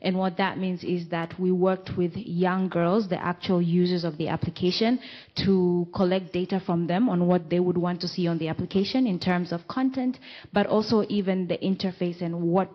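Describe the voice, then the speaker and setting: A woman's voice: lowish voice, steady tone, moderate pace, highs cut off. A woman from Tanzania in the audience, explaining her team's project. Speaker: audience member. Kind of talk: comment from the floor.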